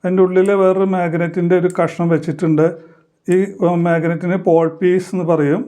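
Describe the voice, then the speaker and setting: Like a tutorial presenter, a man explains a hands-on demonstration in short, halting phrases. His voice is high but dark in tone.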